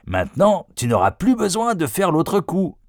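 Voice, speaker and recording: A greedy crook's sidekick, eager and excited, his voice pitched up and lively, as a man puts him on in a storybook reading. Dry, close sound with plenty of swing in the pitch. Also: normal speed, no echo, full character voice.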